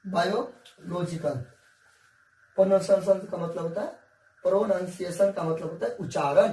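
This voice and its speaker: High-pitched and warm, a man teaches science at the whiteboard in a coaxing, repetitive manner, regularly checking that students understand. The recording has room echo, a distant mic, and faint hiss.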